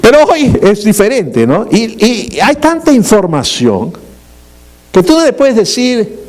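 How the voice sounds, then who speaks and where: A male pastor preaching in a lively, animated voice that sits slightly high. He speaks casually, slipping in humor and checking in with rhetorical questions. He sounds middle-aged and at ease with his listeners. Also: a little slow. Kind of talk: sermon.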